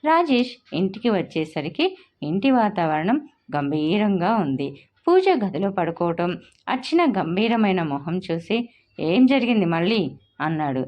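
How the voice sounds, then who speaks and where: Expressive woman telling a story. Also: on the low side, unhurried, dull audio. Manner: expressive dramatic reading. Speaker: narrator. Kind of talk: storytelling narration.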